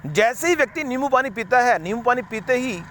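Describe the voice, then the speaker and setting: Very high-pitched and a bit bright, this man's voice has lively intonation and a slightly quick pace. He's a spiritual speaker giving an off-the-cuff talk that wanders and repeats itself, dropping English words in as he goes.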